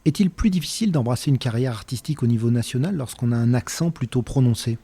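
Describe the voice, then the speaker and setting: Quick husky male interviewer. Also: medium pitch, animated, mellow. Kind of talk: reading interview questions.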